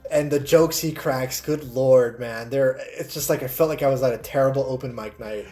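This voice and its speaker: A man's voice: medium pitch, mellow. A man co-hosting a film podcast, talking in a casual, sweary way. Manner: sweary, quick to laugh. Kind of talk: casual film review chat.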